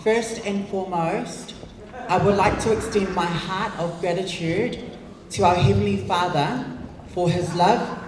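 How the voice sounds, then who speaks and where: A woman speaks from a stage in a big, echoing hall. She sits at a mid pitch and delivers a prepared thank-you speech in formal, measured phrases, heard from some distance. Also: noisy background. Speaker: reigning pageant titleholder. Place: large event hall on stage. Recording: echoey hall PA from far off.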